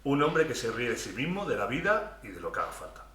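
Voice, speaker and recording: A man's voice: medium pitch, very animated, fast talker, sharp tone. A man hosting a podcast, reading an upbeat introduction and welcoming his guest. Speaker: podcast host. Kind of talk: scripted introduction then casual interview. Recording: echoey room with faint noise.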